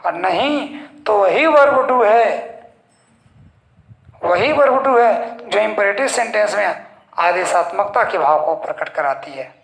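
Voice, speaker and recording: A male English teacher giving a slow, explanatory grammar lesson in Hindi, posing rhetorical questions and answering them himself. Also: sits high, expressive, creaky, a bit bright. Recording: echoey room.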